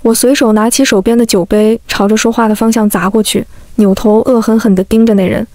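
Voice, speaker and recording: Female storyteller, fairly high voice, calm and steady delivery, dry close sound. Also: fairly quick, no room sound. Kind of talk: scripted first-person story narration.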